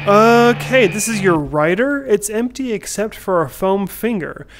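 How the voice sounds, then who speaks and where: A man's voice: high-pitched, expressive, unhurried, background noise. A man hosting a gaming video, giving casual, chatty playthrough commentary and reading screen text aloud. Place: indoor room at home. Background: game music.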